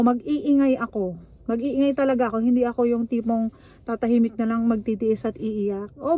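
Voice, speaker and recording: A middle-aged woman from the Philippines speaks as a nurse sharing hard-won advice, frank and assertive. Her voice sits a little high but sounds mellow and warm. The recording is dry and close, with no room sound. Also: no room sound. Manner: frank and assertive, mixes English into Filipino. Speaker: nurse vlogger. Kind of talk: casual advice monologue.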